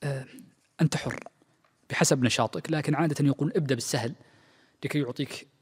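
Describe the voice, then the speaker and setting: A man's voice: a little high, fast talker, breathy edge. A middle-aged man, a sheikh, giving a spoken lecture on Islamic jurisprudence, thinking aloud with many fillers and restarts. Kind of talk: mosque lecture, spoken freely. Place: large mosque. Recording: long reverb of a large mosque.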